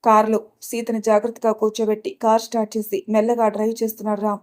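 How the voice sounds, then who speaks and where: Woman, storyteller, scripted narration, love story, fairly high voice, all characters in her own voice. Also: completely flat delivery, fast.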